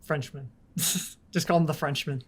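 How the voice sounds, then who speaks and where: A young man co-hosting a casual film podcast, agreeable and quick to laugh. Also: on the high side, steady tone. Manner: agreeable, laughs often, frequent backchannel. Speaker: podcast co-host.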